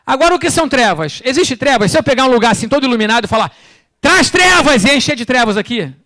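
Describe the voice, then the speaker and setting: A man preaching a sermon in Brazilian Portuguese in church, firing rhetorical questions at the congregation and swinging between loud bursts and quiet asides. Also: very high-pitched, animated, rapid-fire, no room sound, clean studio sound. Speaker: pastor.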